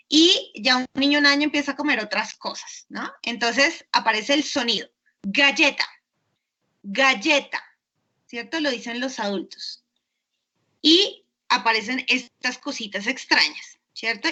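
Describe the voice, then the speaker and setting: A woman teaches an online university class in a bright, sharp voice. She explains step by step and keeps checking in with her students. The audio sounds muffled and lo-fi. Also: high voice. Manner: frequent checking tags, patient explaining. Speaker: university lecturer.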